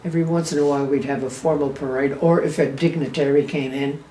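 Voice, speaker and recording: Casting: elderly female American veteran, halting reminiscence, distant mic. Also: low voice, fairly even intonation, mellow. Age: 80s or older. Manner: old veteran recalling memories in short, halting phrases. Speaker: war veteran being interviewed. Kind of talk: unscripted reminiscing. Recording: roomy, distant microphone with faint noise.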